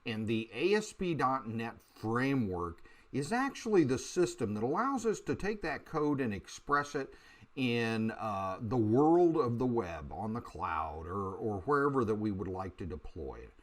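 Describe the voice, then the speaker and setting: Guy explaining code to beginners, lots of ums, pitch jumps all over, desk mic. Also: big pitch swings. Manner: halting, many uh and um fillers, restarts. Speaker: programming teacher. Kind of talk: screen-recorded coding lesson.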